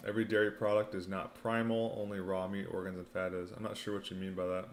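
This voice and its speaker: A man's voice: low voice, level tone, fast talker, a little hiss or hum. A man casually answering livestream questions in a laid-back, slangy way while eating, his mouth sometimes full. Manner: laid-back slangy delivery, often saying "man" and "you know"; throat clearing between remarks.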